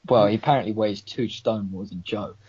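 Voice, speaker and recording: A man's voice: lowish voice, fairly quick, darkish tone, slightly rough, no room sound. A young man with an Irish accent co-hosting a casual podcast, bantering and swearing freely. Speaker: podcast co-host. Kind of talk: casual chat. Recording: dull lo-fi dry sound.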